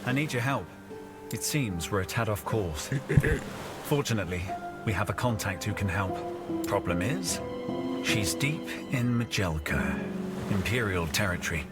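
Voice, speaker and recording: An actor voicing an earnest young male knight ally in a video game, speaking politely and briskly. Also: lowish voice, expressive. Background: loud game music.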